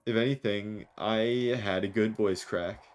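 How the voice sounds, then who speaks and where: A man streams a story game and reads its text aloud, breaking off into rambling jokes. His voice sits low. He takes his time. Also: steady tone, unhurried. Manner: jokey, rambling, reads lines with small voices. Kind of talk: let's play commentary, reading game dialogue aloud.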